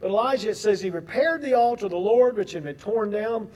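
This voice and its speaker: A man's voice: sits high, fairly quick, a little mellow. A man preaching a sermon, reading scripture aloud and breaking off for chatty asides to his congregation. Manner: addresses the congregation as folks.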